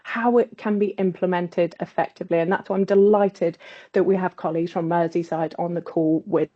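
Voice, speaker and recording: A woman's voice: fairly low pitch, steady tone, brisk. Woman chairing a webinar, audio keeps cutting out. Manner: warm, eager welcoming tone. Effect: audio cutting out on a bad connection. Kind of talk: hosting an online panel. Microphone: video call. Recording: dull lo-fi video call audio.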